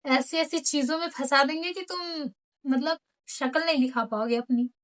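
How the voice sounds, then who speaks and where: A woman in her late teens, a vlogger, telling a school storytime in animated casual chat, acting out the lines of others and slipping English phrases in. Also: high voice, moderate pace. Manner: animated, acts out teachers and friends in quoted lines.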